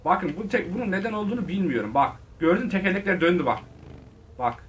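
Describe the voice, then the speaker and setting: A man narrates his driving game for viewers in a casual, excitable way. His voice sits high, and he shouts and cheers at the screen. He sounds a little away from the mic, with a faint hum of ambience behind him. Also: quick pace, recorded from a distance. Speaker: gaming video host. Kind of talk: casual gameplay commentary.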